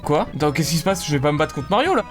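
Casual let's-play commentary, sarcastic and foul-mouthed, lively swooping voice, game music behind. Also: medium pitch, rapid-fire. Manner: casual, sarcastic, swears a lot. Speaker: video game YouTuber.

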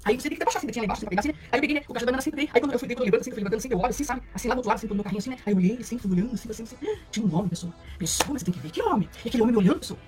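Rambling fast-talking woman with music behind. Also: on the high side. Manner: rambling and repetitive, constantly filling in with little tags. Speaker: comedic vlogger. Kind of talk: comic storytelling vlog.

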